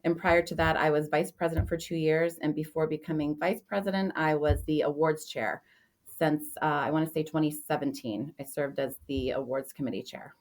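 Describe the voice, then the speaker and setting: Low-voiced woman introducing herself. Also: fairly even intonation, a little fast, darkish tone. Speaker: podcast guest, association president. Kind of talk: casual podcast self-introduction.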